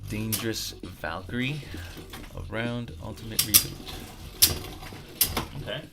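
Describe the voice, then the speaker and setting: Music plays in the background as a middle-aged man from El Salvador hosts his YouTube channel's livestream Q&A. His voice is on the low side and a little slow; he's chatty and meandering, frequently starting his words over.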